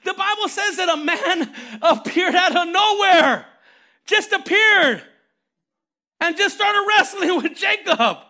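A man preaching a lively, conversational sermon as pastor, telling stories animatedly and calling for amens. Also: very high voice, takes it slowly. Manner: animated storytelling, calls for amens.

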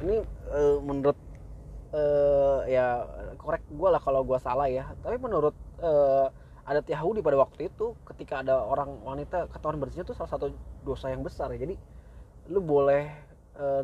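A man's voice: on the high side, brisk, slightly rough, dull audio. A young man giving a casual, slangy faith talk, laid back and full of fillers and chuckles.

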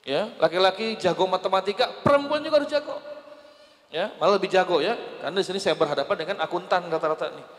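A man preaching a religious talk to women, lively and joking as he addresses them directly. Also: high-pitched, quick pace. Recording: echoey hall.

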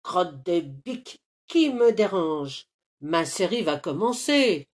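A woman's voice: fairly low pitch, big pitch swings, takes it slowly. A woman voicing a grumpy old man who hates children, grumbling and snapping insults in a read-aloud storybook.

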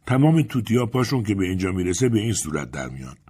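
A man voicing a harried woman animal-keeper in an audiobook, brisk and matter-of-fact, with a husky voice. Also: on the low side, very animated, mellow. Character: tired, harried female animal-keeper and mother.

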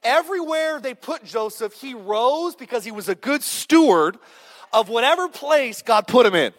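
A man in his thirties delivers a sermon in a very high voice. He is joking and punchy, and he calls out to the congregation. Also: animated, normal speed, a bit bright. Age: 30s. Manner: joking, punchy preaching with call-outs to the crowd. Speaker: pastor.

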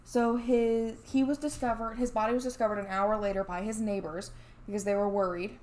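A woman's voice: medium pitch, fairly even intonation, a little fast, darkish tone. A woman co-hosting a podcast, telling a true story in casual chat with many fillers and restarts. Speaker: podcast co-host.

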